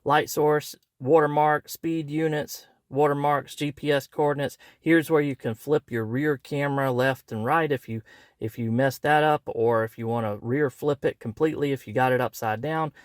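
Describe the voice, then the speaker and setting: A man's voice: fairly high pitch, fairly even intonation, moderate pace, dry recording, clean studio sound. A man reviewing a product, talking through its setup in a folksy, conversational way. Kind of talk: casual product review demo.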